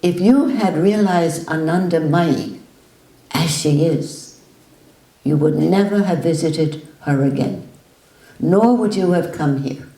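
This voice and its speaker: A woman's voice: low voice, moderate pace, few pauses, dark tone, reverberant, low-quality recording. A woman voicing a stern elderly male Indian sage who fires brusque, challenging questions.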